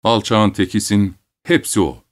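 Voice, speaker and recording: A man's voice: fairly low pitch, steady tone, normal speed, close to an everyday voice. A man voicing a bitter, accusing father just back from war. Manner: angry, accusing.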